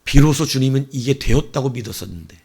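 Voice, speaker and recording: A male pastor preaching a sermon, telling the story with animated bursts as he acts out quoted lines. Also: medium pitch, quick pace, creaky, breathy edge.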